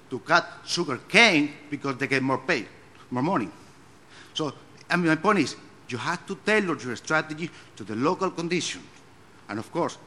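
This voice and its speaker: Man at a hall microphone, bright. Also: mid-range voice. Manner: hesitant restarts, emphatic. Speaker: regional advisor speaking from the floor. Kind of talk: conference Q&A comment. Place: conference hall. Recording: long hall reverb, faint room noise.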